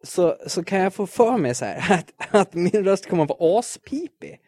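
Podcast host, man, late 20s, from Sweden: slightly high voice, dry close sound, nervy self-mocking rambler who stammers and repeats words. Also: animated, a little mellow, no room sound. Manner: jittery, self-described neurotic. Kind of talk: casual solo podcast monologue.

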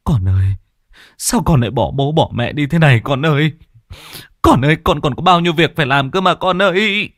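A man's voice: on the high side, lively intonation, fairly quick, a bit bright, dry recording, clean studio sound, pitched above the performer's own voice. A man voicing a grief-stricken young father who sobs and stammers. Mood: anguished. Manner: sobbing, stammering.

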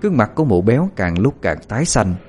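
A man giving a dramatic, expressive narration of a horror story as an audiobook narrator. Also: lowish voice, quick pace, slight background noise.

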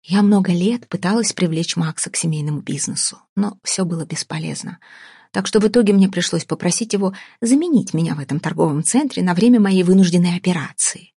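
A woman reading an audiobook voices a domineering, sarcastic older businesswoman who talks slowly and deliberately, with a husky tone. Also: on the low side, dark tone, no room sound, clean studio sound. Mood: scheming. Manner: cutting, sarcastic, slow deliberate delivery.

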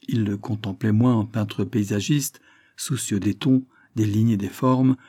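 Man with a dark, husky reading voice. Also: fairly low pitch, fairly even intonation, a little slow, dry recording, clean studio sound. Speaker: audiobook reader. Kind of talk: narrating a 1920s novel.

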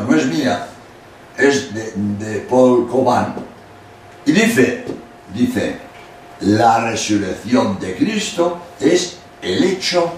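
Older Spanish priest in an echoey hall. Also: male voice, mid-range voice. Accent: Spain Spanish. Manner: animated, acts out quotes, emphatic asides. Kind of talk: religious lecture. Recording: echoey hall from far off with faint noise.

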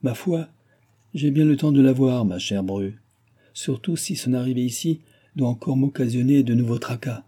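A man's voice: medium pitch, normal speed, mellow, husky, pitched above the performer's own voice, lightly acted. A man reading an audiobook, voicing an aging king who is furious and sorry for himself, grumbling and exclaiming bitterly. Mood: scheming.

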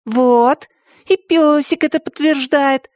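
Man doing a high, lively young girl. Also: slow pace, dry recording, studio quality. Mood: chiding. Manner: soothing and chiding. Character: kind, bossy young girl Katya.

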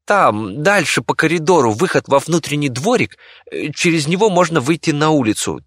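A man voices a frightened, kindly village doctor who pleads anxiously, pitching his voice above his own natural register. The delivery is a little high, sing-song, moderately paced, and a bit bright, in a dry, clean studio recording.

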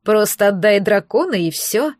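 A woman's voice: medium pitch, animated, moderate pace, a little mellow, dry recording, clean studio sound, natural voice. A woman voicing a male soldier-mage who speaks in a mocking, oily, threatening way in an audiobook. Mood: sneering. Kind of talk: audiobook character voice.

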